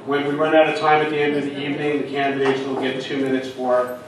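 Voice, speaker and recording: A man's voice: medium pitch, monotone, fast, noisy background. A man moderating a community debate, giving informal announcements with many ums. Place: community hall. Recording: echoey hall from far off.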